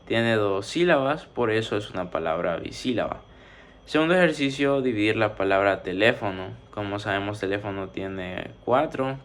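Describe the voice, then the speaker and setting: Man slowly spelling out syllables, gravelly. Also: on the low side, slight background noise. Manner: steady explaining, drawn-out syllables; methodical, works through numbered exercises. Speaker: teacher. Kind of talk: spoken grammar lesson.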